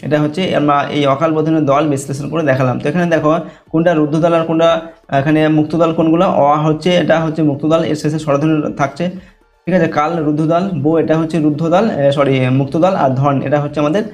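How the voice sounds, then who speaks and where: A man's voice: on the high side, steady tone, quick pace, a little mellow. A male teacher, working through exam questions and dictating the answers, often checking whether the class is following.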